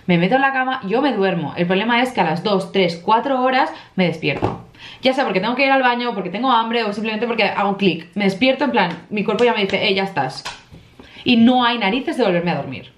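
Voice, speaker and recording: A young woman chats casually to camera, rambling through a story with many fillers and asides. She sounds worn out from little sleep and talks at a fast clip. The room around her is noticeably echoey. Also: on the high side, a little hiss or hum. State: tired from lack of sleep. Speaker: vlogger. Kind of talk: casual vlog chat.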